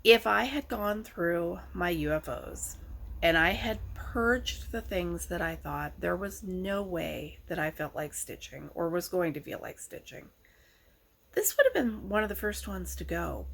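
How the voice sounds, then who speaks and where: A middle-aged woman hosting a casual craft vlog, chatting wryly and conversationally, a little hoarse from being sick with a sore throat. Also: on the low side, slight background noise, low-quality recording.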